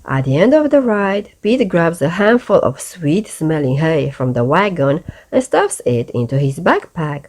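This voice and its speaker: Reading a bedtime picture book to young listeners, this woman speaks on the low side, with careful, expressive pacing.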